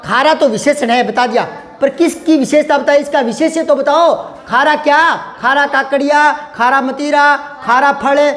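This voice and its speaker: High-voiced man teaching slowly. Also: fairly bright tone. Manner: patient, drills words over and over; calls pupils "beta", asks constant questions. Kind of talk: classroom grammar lesson.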